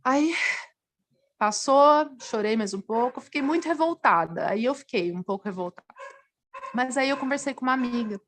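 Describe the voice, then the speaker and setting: A woman's voice: normal speed, a little hiss or hum. A woman with a Brazilian Portuguese accent, a nurse guest earnestly telling her personal story in a TV interview, her voice rising with feeling. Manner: earnest, expressive, pitch swinging up with feeling. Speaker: nurse, talk show guest.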